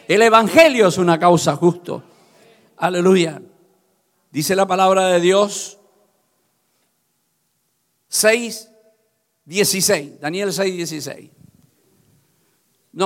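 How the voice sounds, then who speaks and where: A man preaching with passion, his voice sitting very high. He drifts between calm retelling and loud, fervent bursts. The sound rings with the long reverb of a church hall. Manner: impassioned, swings from storytelling to shouting. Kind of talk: sermon.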